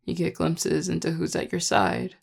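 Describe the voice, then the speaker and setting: A performer voicing a charming, affectionate vampire lover in an intimate audio role-play, teasing and tender in a relaxed, gravelly voice. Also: mid-range voice, moderate pace. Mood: tender, reflective. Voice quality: gravelly, heavy vocal fry. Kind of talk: intimate audio role-play, one-sided dialogue to listener.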